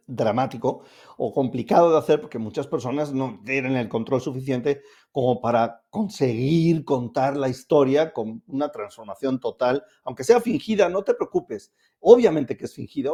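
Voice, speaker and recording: A man with a dark, mid-range voice gives a self-help lesson straight to camera. He walks the viewer through the steps directly, in an upbeat and coaxing instructional tone.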